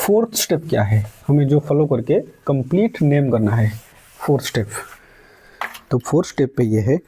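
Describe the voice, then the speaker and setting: A man's voice: medium pitch, sing-song, normal speed, dark tone, husky. A man teaching a chemistry lesson, explaining step by step and answering his own questions, mixing English words into Hindi. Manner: adds "ठीक है?" after each point. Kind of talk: classroom lecture.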